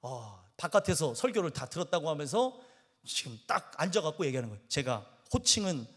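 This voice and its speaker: Male pastor with a high voice, preaching a funny story, with a long hall echo. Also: very animated, brisk, fairly bright tone, husky. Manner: humorous storytelling, acting out quoted voices. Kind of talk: sermon. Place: church sanctuary.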